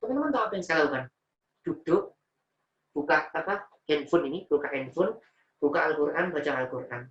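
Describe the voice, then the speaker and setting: Fast-talking Javanese-accented male preacher, echoey room. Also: fairly high pitch, recorded from a distance, muffled recording. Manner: emotional, animated storytelling, mixing in Javanese words. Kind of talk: personal story in a religious talk.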